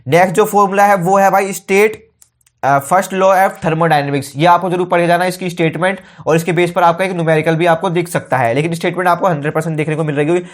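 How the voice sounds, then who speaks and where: A young man rattles through exam tips at a very fast clip. His voice sits a little high for a man, and his tone is casual and brotherly. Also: steady tone. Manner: brisk, informal, keeps saying brother and okay. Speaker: teacher.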